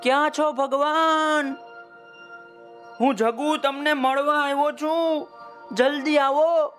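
A man voicing an innocent, eager little village boy who calls out excitedly in a storybook tale. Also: extremely high pitch, slow, faint music behind, pitched above the performer's own voice, exaggerated voice.

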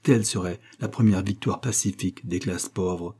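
A man's voice: low-pitched, moderate pace, dark tone, husky. A man voicing a kindly, idealistic elderly scientist, declaiming with emphasis in a storybook reading. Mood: fervent.

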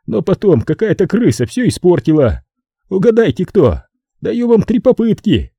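A man's voice: high-pitched, big pitch swings, normal speed, creaky, warm tone, husky, no echo, clean studio sound, pitched above the performer's own voice, heavily acted. A male audiobook narrator voicing a sulky, tired man who stubbornly pushes the problem onto someone else. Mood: grumbling. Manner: petulant and complaining.

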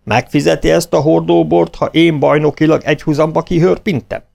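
A man's voice: on the high side, fairly even intonation, gravelly, darkish tone, pitched above the performer's own voice. A man voicing a haughty bragging champion. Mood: boastful. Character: boastful big eater and drinker, proud champion.

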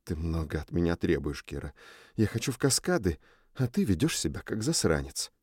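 A man voicing a sulky, sharp-tongued young woman who grumbles and talks sarcastically. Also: low-pitched, sing-song, normal speed, breathy edge, no room sound, studio quality, pitched below the performer's own voice, exaggerated voice.

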